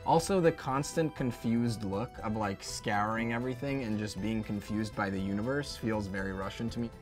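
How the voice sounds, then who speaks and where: A man hosting a casual reaction chat, asking quick, upbeat questions. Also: lowish voice, faint music behind. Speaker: host.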